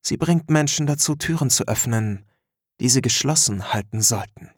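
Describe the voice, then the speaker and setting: A man voicing a poised, enigmatic young woman with a sharp, teasing tongue in an audiobook. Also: mid-range voice, expressive, normal speed, slightly rough, no echo, clean studio sound. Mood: cool teasing. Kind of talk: audiobook dialogue.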